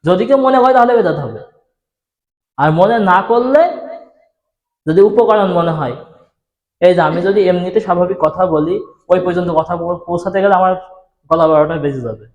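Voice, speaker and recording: Preacher, man, fairly high voice, soft-spoken sermon with rhetorical questions, echoey hall PA. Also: a little fast, pauses often, lo-fi sound. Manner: asks the audience rhetorical questions; speaks softly into a microphone. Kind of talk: Bengali Islamic sermon. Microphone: microphone on a PA system.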